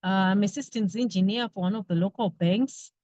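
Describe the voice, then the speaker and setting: A woman's voice: mid-range voice, fairly quick, a little mellow, no echo, muffled recording. A woman speaking earnestly over a video call. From Zimbabwe. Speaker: systems engineer sharing a testimonial.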